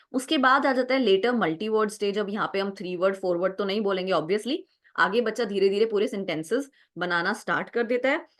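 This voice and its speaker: A young adult woman teaching an exam-prep lecture, explaining step by step, mixing Hindi and English, and often asking "right?". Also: medium pitch. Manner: explanatory, mixes Hindi and English, frequent "right?" check-ins.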